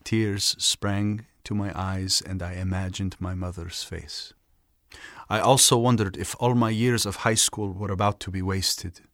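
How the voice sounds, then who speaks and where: A man reading a first-person memoir aloud in a measured, grave, steady storytelling manner. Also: fairly low pitch, dry recording, clean studio sound. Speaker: audiobook narrator.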